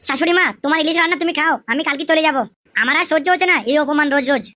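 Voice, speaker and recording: A woman's voice: sits high, steady tone, sharp tone, no room sound. Woman playing a grumbling young son-in-law. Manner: grumbling, rapid, swearing. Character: hot-tempered young son-in-law, man. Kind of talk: comic village skit.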